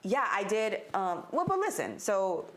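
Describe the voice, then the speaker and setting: A woman's voice: mid-range voice, huge pitch swings, measured pace. A woman candidly telling a personal story in casual chat, swearing freely. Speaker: guest.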